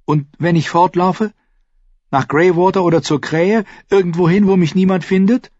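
A man voicing a frightened young noble boy who asks anxious, rushed questions. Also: sits high, fairly even intonation, a little mellow, no echo, muffled recording, pitched above the performer's own voice. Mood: desperate.

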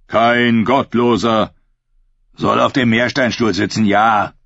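A man's voice: medium pitch, fairly even intonation, slow pace, creaky, a bit bright, no echo, voice pushed up, full character voice. A man reading an audiobook, voicing a zealous old male priest who speaks sternly and with scorn. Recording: dull lo-fi recording.

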